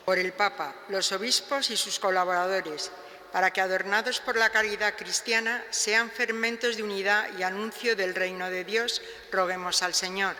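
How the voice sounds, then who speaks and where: A man's voice: high-pitched, fairly even intonation, moderate pace, bright, forceful tone. A man reading petitions at Mass in a solemn, formal way, his voice ringing with cathedral echo. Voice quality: voice echoing as in a cathedral. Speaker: lay reader of intercessions at Mass. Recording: long cathedral echo, background noise.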